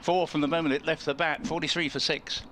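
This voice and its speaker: A man's voice: on the high side, flat delivery, fast, fairly bright tone, a little hiss or hum. A man commentating on cricket ball by ball in wordy, rather formal turns of phrase.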